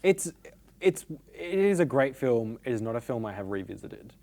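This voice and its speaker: An Australian man co-hosting a casual chat, easygoing and quick to laugh. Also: mid-range voice, sing-song, darkish tone. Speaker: podcast co-host.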